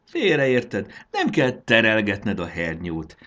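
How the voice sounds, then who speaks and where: A man voicing a clever, bold young boy in a storybook, brisk and confident. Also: on the low side, wildly swooping pitch, a bit bright, highs cut off, voice pushed up.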